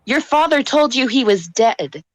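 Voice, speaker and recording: A woman's voice: high-pitched, lively intonation, a little slow, no echo. A woman voicing a female dog guardian who speaks firmly and wearily.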